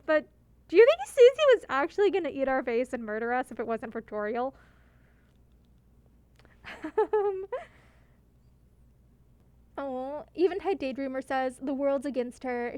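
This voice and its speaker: A woman livestreamer chatting casually over a game and reading viewer comments, expressive, giggly and rambling. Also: high-pitched, no echo. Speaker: livestreamer playing and voicing a game.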